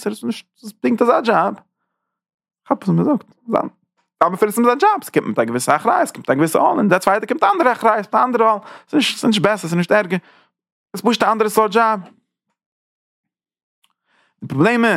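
A man giving an informal religious lesson, talking haltingly, restarting phrases as he searches for words and rising emphatically on key points. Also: high-pitched, creaky, a bit bright, dry recording, clean studio sound. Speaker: religious teacher. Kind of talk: informal spoken Torah lesson.

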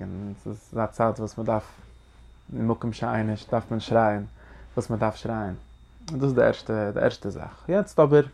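A man's voice: mid-range voice, a little mellow. A man giving Passover guidance as a religious teacher. He talks earnestly and emphatically, repeats key phrases and uses many Hebrew religious terms.

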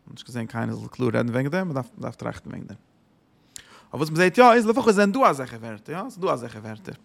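A man teaches religious texts in a slightly raised, gravelly voice. He often searches for words and restarts phrases, and his voice leaps upward whenever he stresses a point. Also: on the high side.

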